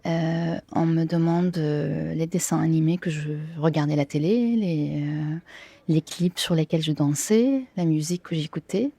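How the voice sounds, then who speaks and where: In a low, dark voice with some vocal fry, a Syrian woman of twenty-nine speaks a little slowly as she's interviewed. A theatre performer and film worker, she answers casually in a non-native language with a Syrian Arabic accent, frequently searching for the right word. The recording is dry.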